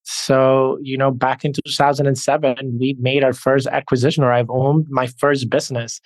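A man's voice: mid-range voice, little pitch movement, moderate pace, dry recording. A man from the Dominican Republic, a podcast guest, talking earnestly and reflectively through personal anecdotes. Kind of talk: conversational interview storytelling.

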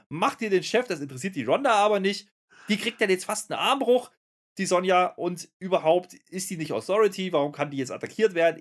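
A man co-hosting a casual wrestling recap podcast, ranting with exasperated sarcasm. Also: high-pitched. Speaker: podcast co-host.

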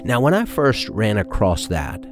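A pastor gives a podcast sermon in an earnest, conversational way and keeps asking his listeners questions. His voice sits low. Music plays clearly behind him. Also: very animated, a little slow. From Texas. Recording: with background music.

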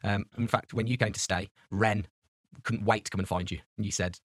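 Male podcast co-host, 30s, slangy and upbeat, rapid delivery. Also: lowish voice, steady tone, dry recording, studio quality. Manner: chatty, laughs often, slangy. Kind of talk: casual chat.

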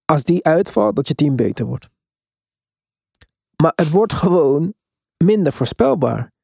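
A man's voice: a little high, expressive, a little slow, vocal fry, darkish tone, husky, dry recording, studio quality. A man in a casual, emphatic sports discussion, mixing in English slang as he hosts. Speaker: podcast host.

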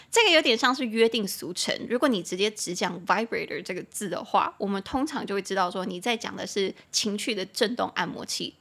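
A woman's voice: medium pitch, pushed and bright, breathy edge. A young woman hosts an English lesson podcast, chatting about vocabulary, giggling and spelling words out letter by letter. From Taiwan. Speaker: podcast host and English teacher.

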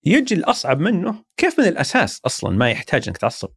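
A man's voice: fairly high pitch, wildly swooping pitch, racing, fairly bright tone, husky, no room sound, clean studio sound. A man with a Saudi accent, a guest in an interview, talking thoughtfully and explaining ideas through everyday examples. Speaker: interview guest, former marketing executive. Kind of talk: reflective conversational interview.

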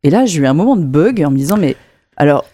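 A woman's voice: sits low, big pitch swings, fast, warm tone. A woman co-hosting a casual podcast discussion, speaking her opinions outspokenly and with many fillers. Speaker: podcast co-host.

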